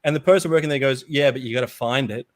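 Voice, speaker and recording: A man co-hosting a casual podcast chat, telling animated stories and laughing often. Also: medium pitch, fast, no echo, studio quality. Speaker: podcast co-host.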